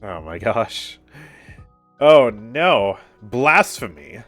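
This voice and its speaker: Streaming a game from his own room at home, a man chats casually and upbeat, laughing often, with soft music in the background. His mid-range, fairly bright voice swings widely in pitch and draws words out, though a cold makes him sound stuffy and a bit nasal.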